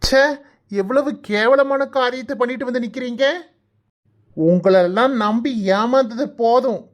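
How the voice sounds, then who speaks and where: Woman doing a hurt young cartoon woman, bit high, southern tamil accent. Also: unhurried, close to an everyday voice. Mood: reproachful. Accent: southern Tamil Nadu. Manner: reproachful.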